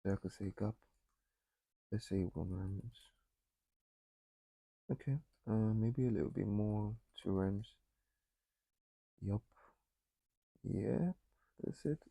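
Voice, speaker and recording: A man talking himself through a coding tutorial, thinking aloud with frequent pauses and fillers. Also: on the low side, gravelly, dark tone, slightly rough, dry recording, low-quality recording. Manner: thinking aloud, many ums and restarts. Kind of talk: casual screen-recorded coding walkthrough.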